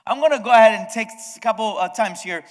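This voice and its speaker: A Spanish-speaking pastor with a high-pitched voice talks fast as he preaches in a conversational style, addressing the congregation directly and frequently starting his sentences over. The church service was recorded in an echoey hall.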